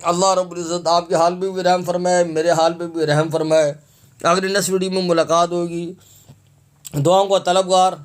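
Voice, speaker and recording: A man with a high voice teaches Quran recitation at a patient, deliberate pace. He spells out each letter and vowel and quizzes the listener on where each sound comes from. He then answers himself and stretches the syllables long to demonstrate. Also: flat delivery, clean tone. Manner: asks and answers his own questions. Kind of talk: tajweed lesson with slow drawn-out recitation.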